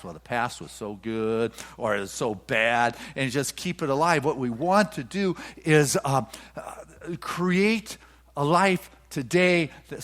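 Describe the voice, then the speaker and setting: A middle-aged man delivers a sermon, slipping into a parable and acting out each character with animated shifts. His voice sits a little high for a man. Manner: animated storyteller, acts out characters. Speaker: minister. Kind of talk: sermon with storytelling.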